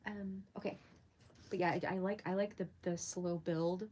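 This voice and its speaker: A young woman hosting a casual art livestream, chatting with viewers as she works, giggling often and jumping up high to greet people. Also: fairly even intonation, moderate pace, mellow, slightly rough. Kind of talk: casual livestream chat while drawing.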